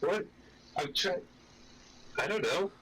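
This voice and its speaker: A man's voice: high-pitched, lively intonation, slow, crowd noise. A man co-hosting a casual podcast chat, his voice muffled and garbled as if underwater by a failing voice changer. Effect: muffled, underwater-sounding mic from a failing voice changer. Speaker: podcast co-host.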